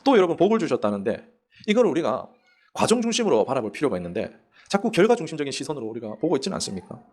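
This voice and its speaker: A man's voice: medium pitch, sing-song, racing, darkish tone. A male pastor preaching a Sunday sermon in a conversational way, asking the congregation questions and acting out the voices in his stories. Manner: acts out quoted prayers and voices in the stories. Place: church sanctuary.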